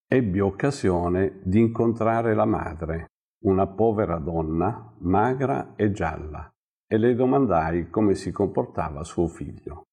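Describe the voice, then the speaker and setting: A man reads a story aloud in a measured, calm way. His voice is deep and husky, and he speaks at an unhurried pace. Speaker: narrator. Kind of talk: storybook reading.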